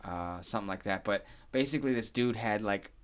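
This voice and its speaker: Earnest low-voiced male podcast host. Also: a little fast, clean tone. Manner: reflective, earnest, lots of "like" and "you know what I mean". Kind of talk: casual podcast conversation.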